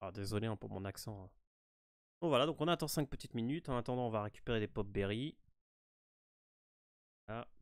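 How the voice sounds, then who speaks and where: A man's voice: on the low side, fairly quick, pauses often, dry recording, studio quality. A man with a French accent giving a casual, hesitant game walkthrough full of fillers and restarts. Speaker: gaming walkthrough host.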